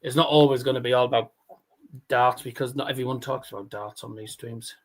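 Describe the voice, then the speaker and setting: A man's voice: medium pitch, steady tone, a little fast. A man hosts a casual sports watchalong stream. He has a stutter and cannot pronounce his R's, which sound like W's. His talk is loose, rambling and sweary, slipping between chat and commentary. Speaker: livestream host.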